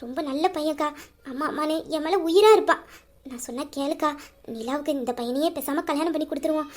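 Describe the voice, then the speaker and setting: Earnest middle-aged woman, voiced by a woman, high, soft, pleading, audio drama. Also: fast talker, natural voice.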